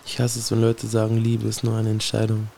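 A man recites spoken-word poetry in a low, gravelly voice with a dark, mellow tone. His delivery barely rises or falls, staying almost completely level. He sounds solemn and brooding as he addresses a listener directly. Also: completely flat delivery, fairly quick, slight background noise.

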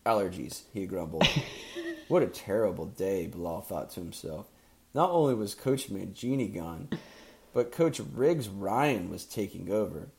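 A man's voice: fairly low pitch, creaky. A man hosting a podcast, reading a silly story aloud in a mock-serious tone and often breaking into laughter. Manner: laughing through a deadpan read. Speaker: podcast host.

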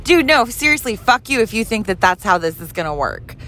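Woman, mother, casual driving vlog, blunt, profane, rambling, mid-pitched voice. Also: very animated, fairly quick, sharp tone, a little hiss or hum. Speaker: podcast host and mother. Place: in a car while driving.

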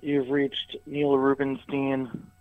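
Slow tinny man on answering machine greeting. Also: medium pitch, completely flat delivery. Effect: answering machine greeting over phone speaker. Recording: tinny phone line with faint hiss.

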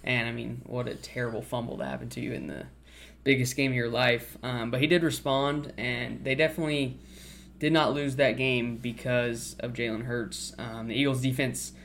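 A young man co-hosting a casual sports podcast, recapping the game in a steady run of facts and laughing it off. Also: medium pitch, normal speed, gravelly, a little hiss or hum. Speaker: podcast co-host. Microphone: one camera shared by three.

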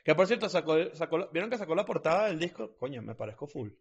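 A man's voice: a little high, sing-song, fast, gravelly, slightly rough. A man co-hosting a podcast, joking in casual, slangy banter. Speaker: podcast co-host. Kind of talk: casual chat.

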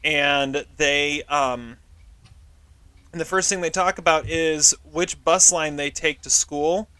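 Bright clear-voiced man reviewing films. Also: fairly high pitch, slow pace, no room sound. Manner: relaxed storytelling, explains step by step. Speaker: podcast co-host. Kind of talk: casual movie review chat.

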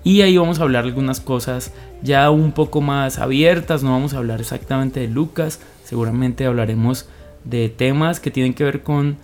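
A man's voice: mid-range voice, normal speed, darkish tone, faint music behind. Earnest man giving a devotional talk. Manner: earnest, explanatory, with occasional fillers. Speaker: podcast host giving a Bible reflection.

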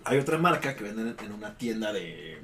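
A man's voice: lowish voice, big pitch swings, brisk, pushed and bright. A young man with a Mexican accent, host of a casual podcast, telling stories in a laid-back, slangy way. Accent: Mexican Spanish. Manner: laid-back storytelling, slangy, laughs often. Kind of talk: casual chat. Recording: slightly distant mic with faint background noise.

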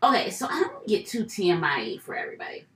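Rambling, animated woman in an echoey room. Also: mid-range voice, fast talker. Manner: rambling, animated, self-correcting. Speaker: podcast co-host. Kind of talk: casual chat.

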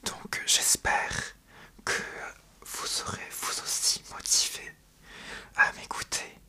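A young man hosting an ASMR podcast in a breathy, hesitant whisper, speaking right into the listener's ear. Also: slow pace, pushed and bright. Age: young adult. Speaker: podcast host.

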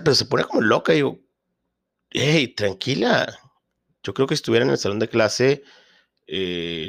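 Low-voiced Mexican man ranting casually. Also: a bit bright. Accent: Mexican Spanish. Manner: slangy, joking, self-deprecating rants with asides. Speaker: podcast host and teacher. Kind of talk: casual podcast monologue.

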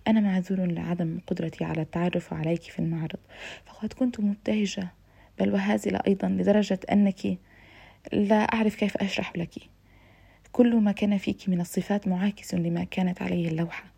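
A woman's voice: mid-range voice, steady tone, fast talker, creaky, mellow, breathy edge. A woman reading the lines of a shy, earnest young man of twenty-four in an audiobook.

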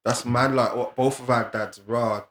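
A man's voice: medium pitch, steady tone, moderate pace, fairly bright tone, roomy sound. A man with an urban London roadman accent chatting casually in street slang as a podcast co-host. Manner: London roadman way of talking, peppered with slang tags.

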